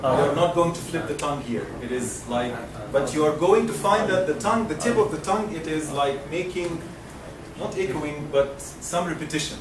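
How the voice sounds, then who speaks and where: An animated Egyptian man with a fairly high pitch and moderate pace runs call-and-response drills in Quran recitation, patiently sounding out each element for his class to repeat. The lecture-room recording is roomy and noisy, with the microphone well away from him.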